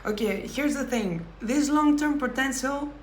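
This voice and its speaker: A woman giving a pick-a-card tarot reading, talking thoughtfully with pauses and self-corrections. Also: sits high, roomy sound, a little hiss or hum. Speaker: tarot reader.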